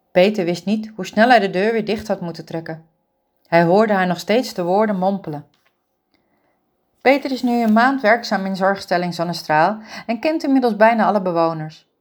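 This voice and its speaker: A woman reading a romance story aloud as narrator in a calm, steady manner. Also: fairly low pitch.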